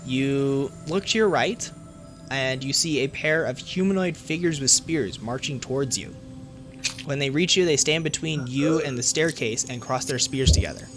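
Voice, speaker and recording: A man's voice: mid-range voice, moderate pace, music in the background. A young man running a tabletop game as game master, describing scenes with fillers and restarts. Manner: descriptive narration with fillers and restarts, laughs easily.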